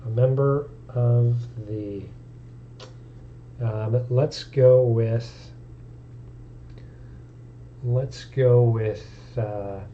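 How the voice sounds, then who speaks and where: A man's voice: mid-range voice, fairly even intonation, very slow, long pauses, dull audio, slight background noise. A man streaming about tabletop games, talking casually and thinking aloud in an easygoing way. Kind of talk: casual live-stream talk.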